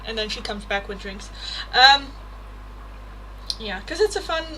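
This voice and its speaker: A young Dutch woman from the Netherlands, with a Dutch accent, hosts a tarot livestream, chatting, laughing often, swearing casually, and reading oracle card text aloud. Her fairly high voice is expressive, bright, and forceful, a little slow. The recording is low quality with slight background noise.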